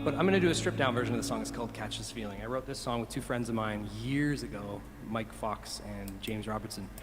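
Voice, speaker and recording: A man who is a musician, chatting in an interview over a video call, enthusiastic and rambling, often laughing. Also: fairly low pitch. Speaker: musician guest. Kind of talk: casual interview chat.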